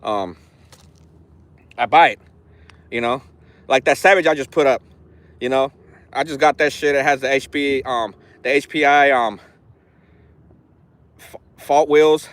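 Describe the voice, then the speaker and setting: A man in his forties, an RC hobby vlogger, rambles frankly on a phone livestream outdoors near an orchard, swearing freely and talking tough. His medium-pitched, slightly bright voice moves a little slowly with long pauses, and there's no echo.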